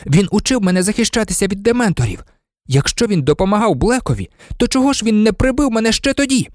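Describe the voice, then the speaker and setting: A man's voice: high voice, very animated, fast, a little mellow, dry recording, studio quality, voice pushed up. A man voicing urgent, insistent Harry. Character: brave teenage schoolboy, urgent.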